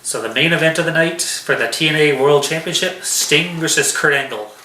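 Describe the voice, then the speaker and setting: A man's voice: a little high, fairly quick, pushed and bright. A man co-hosting a casual wrestling prediction chat, announcing each match and giving his picks. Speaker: podcast co-host. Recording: echoey room.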